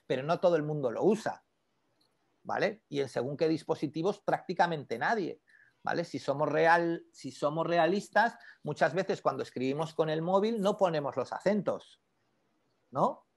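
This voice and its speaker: A man teaching an online class on e-commerce, conversational and animated, constantly checking in with his students. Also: on the high side, creaky. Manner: conversational, peppers speech with "¿vale?"; animated, lively explanations with asides to students. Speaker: e-commerce instructor.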